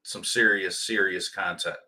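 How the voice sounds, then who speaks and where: A man co-hosts a live podcast in an upbeat, joking way. His voice sits low but has a bright, forceful edge as he greets listeners one after another. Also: steady tone, measured pace. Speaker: podcast co-host.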